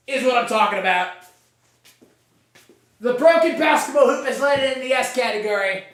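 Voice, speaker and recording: This man running a livestream plays a mock sportscaster, repeating catchphrases while hyping his live tier-list commentary. His pitch is extremely high and his tone fairly bright, and the room is echoey.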